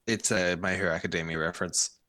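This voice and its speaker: A man's voice: deep voice, fairly even intonation, fast, sharp tone, no echo. A man narrating an improvised tabletop game as the game master.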